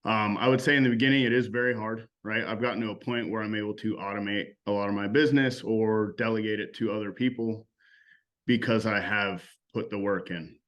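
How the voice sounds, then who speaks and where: A man's voice: fairly low pitch, fairly even intonation, brisk, a bit bright, dull audio. A top-selling salesman giving straightforward advice about mindset on a team training call. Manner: straightforward, direct.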